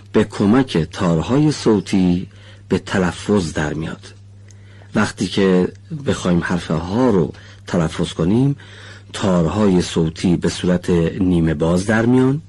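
A man teaching the correct pronunciation of letters for Quran recitation in a studio lesson. He talks slowly and deliberately, models sounds carefully, and gives students polite encouragement. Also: low-pitched, darkish tone, husky. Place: recording studio.

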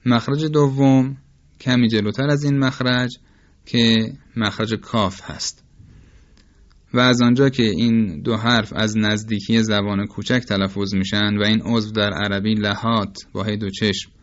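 A man teaching Quran recitation rules in a formal, careful lecture, slowly demonstrating each throat and mouth sound aloud. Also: on the low side, steady tone, muffled recording. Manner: formal and polite toward listeners. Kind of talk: instructional lecture on tajweed.

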